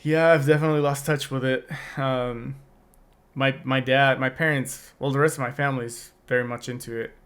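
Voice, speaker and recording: Speaking briskly in a clear, resonant, slightly bright mid-range voice, a young adult man co-hosts a podcast. His intonation stays fairly even as he chats casually and reflectively, frequently starting over.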